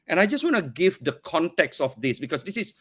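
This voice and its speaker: Fairly quick and sing-song, with a fairly high pitch and bright tone, a middle-aged Indonesian man speaks in a conversational podcast interview. The company CEO tells his story earnestly in English, his second language, often repeating words while he searches for how to say things.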